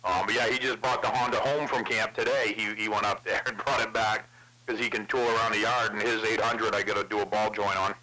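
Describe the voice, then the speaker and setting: This man, with a fairly low pitch and a steady tone, talks briskly in a pushed, bright way during a casual CB radio chat. He rambles and curses a lot, and the crackly line is full of clicks.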